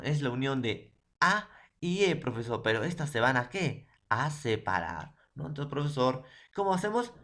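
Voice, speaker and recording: Slow-speaking Peruvian teacher, checking in often. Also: male voice, mid-range voice, a bit bright. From Peru. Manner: slow, syllable-by-syllable spelling out of words, with frequent "¿ya?" and "¿no?" checks; poses questions and answers them himself. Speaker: secondary school teacher. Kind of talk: classroom lesson.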